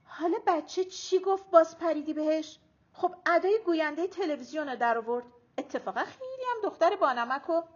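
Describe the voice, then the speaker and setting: A woman reading an audiobook, voicing a coquettish, sharp-tongued older grandmother in quick, lively retorts. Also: very high-pitched, voice pushed up. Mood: teasing. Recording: dull lo-fi audiobook recording.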